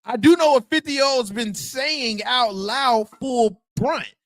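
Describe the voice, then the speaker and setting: A man in his twenties giving casual, animated commentary on a livestream, slangy and quick to laugh. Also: extremely high pitch, dry recording, clean studio sound. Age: 20s. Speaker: livestream host.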